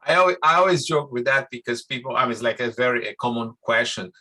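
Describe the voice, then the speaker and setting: In a casual interview, a middle-aged Brazilian musician speaks English as a Portuguese native, with a Brazilian accent. He rambles warmly and restarts often, talking fast at a medium pitch with fairly even intonation.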